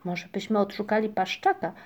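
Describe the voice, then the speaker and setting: A woman voicing an eager, excitable young male moomin troll in a storybook reading, with exclaiming delivery. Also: medium pitch, fairly quick, close to an everyday voice. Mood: cheerful.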